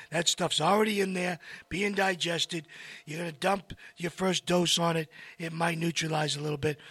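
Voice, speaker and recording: Man, bright tense tone, dry close sound, casual health talk, rambling asides. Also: on the high side, slightly rough, dry recording. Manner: rambling, addresses folks directly, animated asides. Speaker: host.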